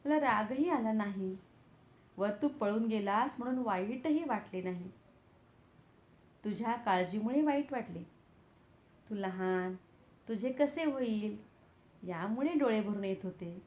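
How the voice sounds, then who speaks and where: A woman voicing a tender, loving mother who speaks gently and earnestly to her son. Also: mid-range voice, animated, a little slow, pauses often, natural voice. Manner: gentle, soothing, earnest counsel. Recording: roomy, dull-toned recording.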